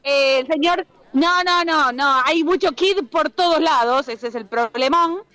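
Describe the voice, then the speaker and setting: A woman's voice: high-pitched, a little slow, bright, forceful tone, dry recording. A woman calling in live over the phone from a festival, bantering in a playful mock-formal way. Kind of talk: casual live call-in banter.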